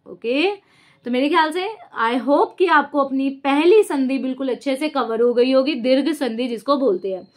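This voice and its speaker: High-voiced woman teaching a lesson. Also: normal speed. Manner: asks questions then answers them herself. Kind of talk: casual whiteboard lesson.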